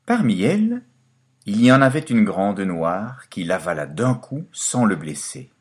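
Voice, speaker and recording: A man reads a fairy tale aloud with a low, deep voice. His delivery is dramatic and sweeping, rising and falling widely as he tells the story. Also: a little slow. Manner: expressive storytelling, lively and dramatic. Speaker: narrator. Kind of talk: scripted fairy-tale narration.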